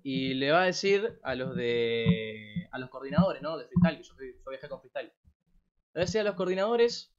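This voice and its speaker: A man's voice: mid-range voice, expressive, normal speed. Young Argentine guy, rambling lo-fi. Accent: Argentine Rioplatense Spanish. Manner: rambling, slangy, swears freely. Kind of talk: casual storytelling to a live audience. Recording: dull lo-fi recording.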